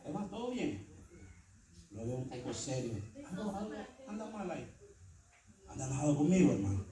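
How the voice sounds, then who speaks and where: A man's voice: medium pitch, big pitch swings, brisk, crowd noise. A man preaching a sermon as pastor of a church, emphatic and acting out little dialogues between people. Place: church sanctuary. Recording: echoey church, far from mic, congregation audible.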